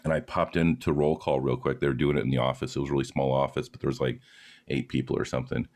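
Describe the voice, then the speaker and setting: A man in his forties with an extremely deep voice, telling a story in a casual way. He is blunt and swears freely. His voice rises in force as he gets worked up. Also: little pitch movement, fast. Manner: blunt, profane, grows loud when worked up. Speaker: podcast guest, former aircraft mechanic.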